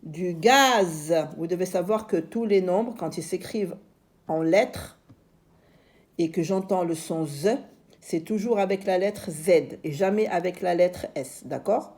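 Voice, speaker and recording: A woman teaching young children to read, slowly repeating each word with patient explanations. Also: fairly low pitch, a little mellow. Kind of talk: phonics lesson for young children.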